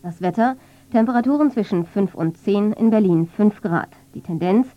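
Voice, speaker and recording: A woman's voice: medium pitch, normal speed. Dull-sounding radio recording of female newsreader. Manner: factual, neutral. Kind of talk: scripted news reading. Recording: dull, band-limited medium-wave radio.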